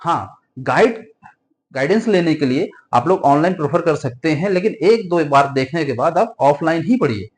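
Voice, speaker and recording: Male grammar teacher, fairly high voice, advising classroom tone, slow word-by-word dictation. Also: expressive. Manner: explains in Hindi with English examples, dictated slowly word by word; frequent checking "ठीक है" fillers, advising tone. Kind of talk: classroom-style grammar lesson for exam students.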